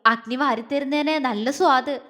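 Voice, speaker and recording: A woman voicing a shy, gentle young woman of eighteen in an audio story, soft and hesitant. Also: high voice, normal speed, big-room sound.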